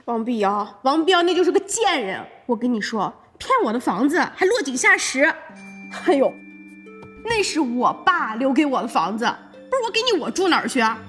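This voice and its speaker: Volatile woman on trial, high and jumpy, yells and sobs, tv crime drama. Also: very animated, normal speed, soft background music. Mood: bitter pleading. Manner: shrill, defiant, shouting and sobbing. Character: volatile middle-aged woman defendant, combative. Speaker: defendant.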